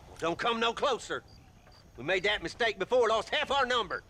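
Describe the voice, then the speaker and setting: An actor playing a suspicious, self-important backwoods survivor in a video game. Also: male voice, high-pitched, animated, moderate pace, pushed and bright. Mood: pompous. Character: pompous backwoods male survivor crowning himself king. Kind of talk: video game cutscene acting.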